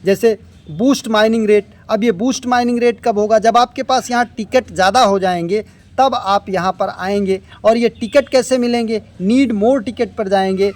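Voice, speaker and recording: A man with a notably high voice for a man leads a screen-recorded app tutorial. He explains each tap and step in an instructive way, with English technical words dropped in. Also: normal speed. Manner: step-by-step instructive, mixing English terms into Hindi. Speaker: crypto earning tutorial host.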